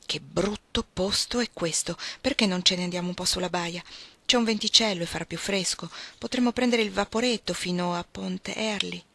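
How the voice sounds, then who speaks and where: A woman reading the lines of an eager, flustered young gentleman in an audiobook. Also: lowish voice, moderate pace, vocal fry, dry recording.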